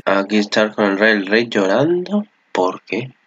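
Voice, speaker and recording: A man's voice: on the low side, very animated, a little slow, muffled recording, background noise. A man with a Spanish accent from Spain giving casual, rambling reaction commentary on an anime, swearing often.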